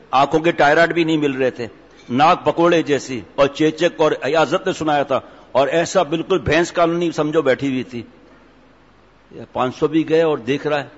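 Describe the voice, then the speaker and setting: Male cleric, joking sermon, teasing, fairly high voice, echoey hall, dull lo-fi sound. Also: breathy edge. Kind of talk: humorous sermon. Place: mosque hall.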